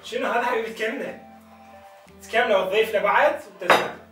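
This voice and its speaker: An Iraqi man banters casually at a quick clip, insistent and repeating himself. His voice comes from a distance in a strongly echoing room with music playing. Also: sits high, sharp tone. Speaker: food challenge participant. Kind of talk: casual banter among friends. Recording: echoey room, distant mic, music behind.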